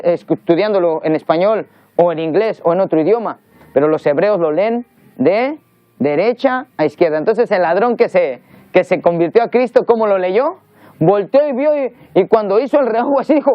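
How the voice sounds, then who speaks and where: A man's voice: high voice, dry recording. Man, preacher, earnest teaching sermon, repeats words, dry close sound, dull lo-fi recording. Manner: earnest, explanatory, repeats words while searching.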